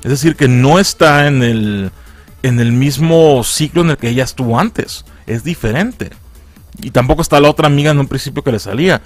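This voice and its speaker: Mexican man, mid-range voice, dry close sound, faint music behind; slangy, animated film recap. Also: mid-range voice, normal speed, dry recording. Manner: animated and slangy, acting out characters' lines in a raised voice. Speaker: film reviewer.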